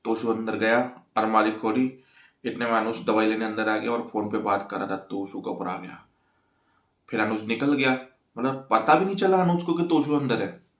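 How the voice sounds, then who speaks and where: A man's voice: on the low side, fairly even intonation, moderate pace, roomy sound. A man casually recapping a TV serial episode, telling the story and briefly acting out the characters' lines.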